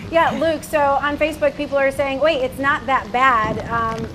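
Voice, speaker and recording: A woman's voice: high voice, fairly even intonation, normal speed, over music. A woman news anchor talking unscripted and putting questions during a live broadcast. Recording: clear wind noise from live feed.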